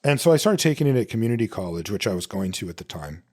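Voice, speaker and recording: Very animated and quick, this middle-aged American man has a low, slightly mellow voice. Hosting his podcast solo, he chats casually while answering listener questions and telling personal tales.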